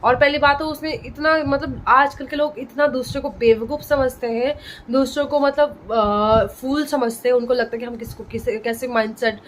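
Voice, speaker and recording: Indignant woman vlogging, pitched a bit high. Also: fairly even intonation, moderate pace, a little hiss or hum, rough recording. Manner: indignant, heated storytelling. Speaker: vlogger and parent. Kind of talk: casual vlog monologue.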